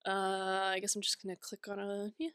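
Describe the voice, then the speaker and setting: A woman's voice: medium pitch, monotone, moderate pace, a bit bright, clean tone, no echo, studio quality. A young woman co-hosting a podcast, chatting casually and laughing through her own stories. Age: young adult. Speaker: podcast co-host.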